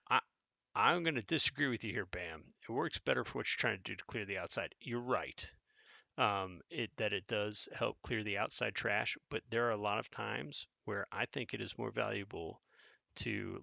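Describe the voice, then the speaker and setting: A man's voice: on the low side, gravelly, bright, forceful tone, no room sound. A man giving casual live commentary on a strategy game, thinking aloud as he plays and chatting back to his viewers. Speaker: gaming content creator.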